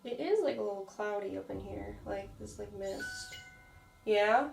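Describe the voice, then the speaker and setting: Young american woman ghost hunting, jumpy slangy talk, slow, echoey and far from the mic. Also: mid-range voice, gravelly, faint music behind. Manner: nervous, slangy, talking softly to spirits. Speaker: paranormal investigator. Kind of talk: ghost hunt commentary. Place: dark echoing old prison cell block.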